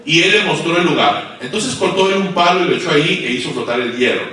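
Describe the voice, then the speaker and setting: A man preaching a sermon to pastors, swinging between loud emphatic peaks and low quiet asides and asking the audience questions. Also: lively intonation, quick pace. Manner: asks the audience questions and waits for replies. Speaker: guest pastor. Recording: echoey hall, voice far from mic.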